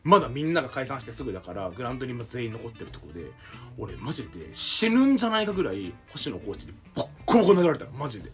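Young male podcast co-host, rapid, expressive storyteller, mid pitch. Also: soft background music. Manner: animated storyteller who acts out quotes and bursts into loud exclamations. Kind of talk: casual chat among friends.

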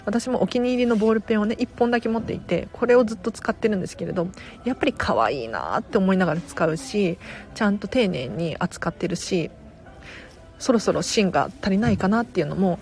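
A woman who works as a tidying consultant, chatting casually and warmly on her own audio stream, answering listener comments with loose, filler-filled talk. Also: medium pitch, creaky. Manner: friendly and chatty, warmly thanking listeners by name; loose conversational delivery with fillers and self-corrections.

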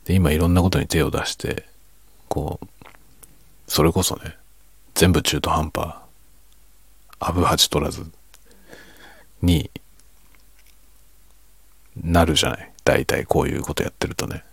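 There's a late-night feel to this reflective, casual monologue from a man who streams and writes fiction for fun. His voice is very deep, gravelly and husky, kept soft, self-deprecating and steady; he takes his time, leaves long pauses, and there's no room sound.

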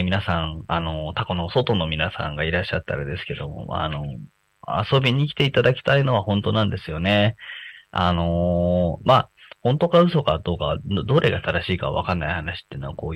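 A man hosting a casual community radio show, speaking politely and deferentially to listeners in a halting, apologetic way over guitar music. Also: low voice, dry recording, dull audio. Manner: halting, hesitant delivery. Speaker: radio host. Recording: music playing behind the voice.

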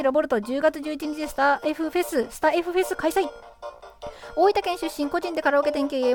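Brief: high-pitched woman, live-stream host bantering over background music. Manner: playful, reads listener comments aloud and quips back. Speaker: livestream host. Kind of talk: casual live-stream chat.

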